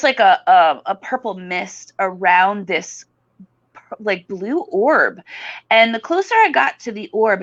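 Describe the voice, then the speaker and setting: Slow, hesitant woman co-host on a dull, dry mic. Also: medium pitch, fairly bright tone, no echo. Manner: halting, many fillers and restarts. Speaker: talk show co-host. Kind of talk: casual talk show chat.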